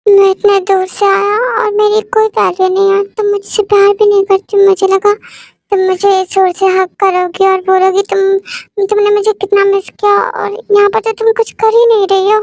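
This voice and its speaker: A woman's voice: very high-pitched, monotone, moderate pace, gravelly, darkish tone, no echo. A woman voicing a playful young husband who sulks dramatically at his wife, in a fan audio love story. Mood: sulking. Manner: playful, melodramatic sulking.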